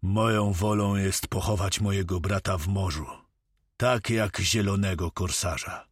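A man's voice: low-pitched, steady tone, measured pace, slightly rough, dry recording, studio quality. A man voicing a grim pirate captain who gives firm commands. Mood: commanding.

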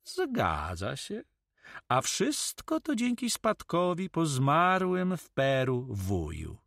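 A man's voice: medium pitch, very animated, moderate pace, no room sound, studio quality, pitched above the performer's own voice. A man voicing a sly, teasing male pirate in an audiobook, jovial and mocking.

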